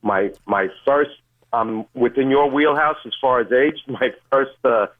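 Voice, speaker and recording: A man calling in to a radio show over a phone line, speaking in a halting, measured way. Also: medium pitch. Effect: phone call on radio. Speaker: caller. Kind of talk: call-in radio.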